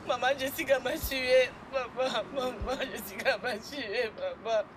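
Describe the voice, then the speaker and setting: A woman's voice: high-pitched, unhurried, background noise. A woman dubbing a distraught young wife in French, crying and wailing tearfully to her mother. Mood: sobbing. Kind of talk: French film dub.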